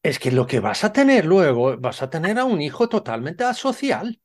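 Lively, animated man in casual chat. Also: a little high. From Spain. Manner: animated, halting with restarts. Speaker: podcast host.

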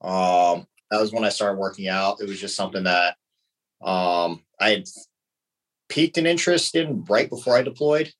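A man in his thirties from the United States speaks in a low, slightly bright voice at normal speed, the audio quality poor. He's a podcast guest in casual conversation, laughing lightly between his answers.

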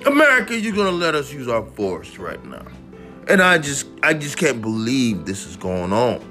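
A man hosting a mock talk-radio show, ranting excitably and repeating himself with lots of "like.". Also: mid-range voice, moderate pace, soft background music. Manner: excitable, repetitive, peppered with "like". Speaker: host of a homemade radio-style show.

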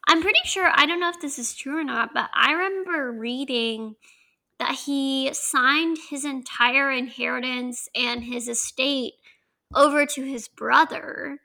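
A woman in her twenties with a Southern accent, co-hosting a podcast in casual chat, chatty and quick to laugh. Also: high-pitched, gravelly, pushed and bright, rough recording. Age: 20s. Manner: chatty, laughs often, draws out words. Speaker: podcast co-host.

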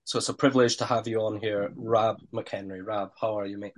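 A Scottish man with a slightly croaky, hoarse voice, hosting a casual sports podcast chat. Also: on the low side, steady tone, a little fast, a little hiss or hum. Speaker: podcast host.

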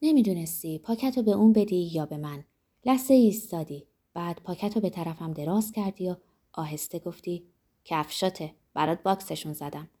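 A woman reading a first-person story aloud in a calm, subdued way. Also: on the low side, slightly rough. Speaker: narrator.

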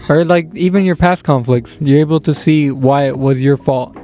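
A man's voice: fairly high pitch, fairly even intonation, measured pace, mellow. A man about to turn thirty in a casual podcast chat, earnestly explaining his view. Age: around 30.

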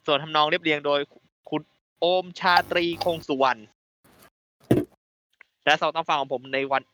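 A man's voice: on the high side, steady tone, normal speed, sharp tone. A man hosting a casual podcast chat, joking and swearing casually. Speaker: podcast host.

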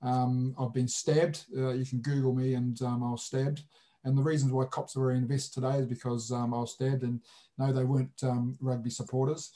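A man's voice: mid-range voice, level tone, moderate pace, warm tone. A man with a broad New Zealand accent chatting casually as an interview guest, blunt and jokey with colloquial turns of phrase. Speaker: sports referee, interview guest.

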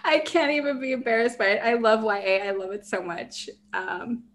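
A young woman from Mexico co-hosting a casual podcast chat, enthusiastic and quick to laugh, swearing freely. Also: on the high side, fairly even intonation, fairly bright tone. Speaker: podcast co-host.

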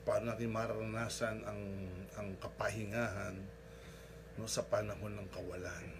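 A pastor preaching a sermon in a polite, earnest way, with frequent rhetorical asides to the congregation. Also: male voice, lowish voice, level tone, normal speed, background noise.

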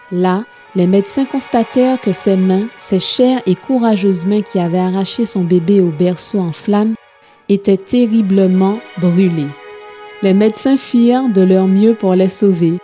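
A woman telling a storybook tale to children in a gentle, expressive reading style. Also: mid-range voice.

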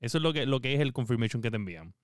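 Animated, smooth-voiced male storyteller. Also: mid-range voice, very fast, no room sound, studio quality. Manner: animated storyteller, acts out quotes. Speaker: podcast co-host. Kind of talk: casual gaming chat.

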